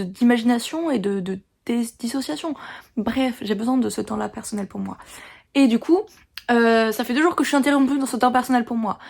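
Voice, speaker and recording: A woman's voice: a little high, creaky, a little mellow. Chatty young woman venting in a vlog. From France. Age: teens. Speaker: vlogger. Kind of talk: casual storytime vlog.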